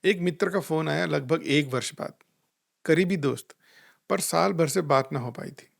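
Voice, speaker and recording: A man giving a calm, reflective spiritual talk. He tells gentle anecdotes and acts out the voices he quotes. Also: fairly high pitch, normal speed, vocal fry. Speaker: spiritual life coach.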